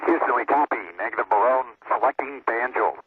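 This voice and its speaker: A man's voice: mid-range voice, fairly quick, slightly rough, narrow, tinny audio. A male astronaut reading back calls in clipped, terse phrases over a breaking-up space-to-ground radio link. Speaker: astronaut crew member. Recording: thin crackly radio line with static hiss.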